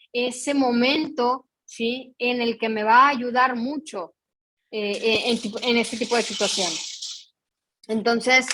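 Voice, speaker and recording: A woman with a Mexican Spanish accent and a slightly high, fairly bright voice leads an online emotional education workshop. She explains things patiently and often checks in with her audience through questions. When reading out picture dialogues, she takes on a storytelling tone.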